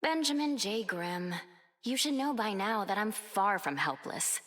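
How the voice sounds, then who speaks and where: A poised superheroine in a video game. Her voice sits at a medium pitch, self-assured and composed, with a dry, teasing edge. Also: lively intonation, a little slow, fairly bright tone. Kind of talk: video game hero banter.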